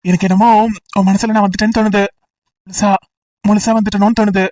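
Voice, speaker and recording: A woman's voice: mid-range voice, little pitch movement, quick pace, a little mellow, far from the mic, lightly acted, rough recording. A woman voicing a teasing, persistent young male college student in an amateur audio drama, talking in a playful, coaxing way.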